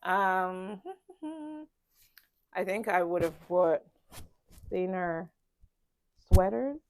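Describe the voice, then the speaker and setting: A woman with a lowish, darkish, congested voice talks animatedly, drawing out her words over a faint hiss or hum. She's a travel vlogger rambling casually to the camera about packing in a ship cabin, full of ums and restarts.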